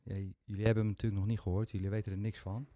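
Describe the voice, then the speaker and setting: A man's voice: on the low side, level tone, rapid-fire, warm tone, no echo, clean studio sound. A man hosting a podcast, talking chattily with self-mocking humor into a microphone. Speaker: podcast host. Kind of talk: casual podcast talk.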